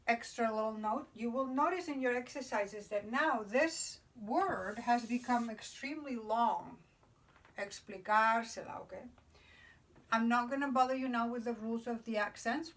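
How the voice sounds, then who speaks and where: A woman's voice: on the high side, fairly bright tone. Patient woman teaching at a board. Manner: patient explaining, checks in with "okay?" after each point. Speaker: Spanish teacher. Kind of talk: online grammar lesson at a board. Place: indoors beside a whiteboard.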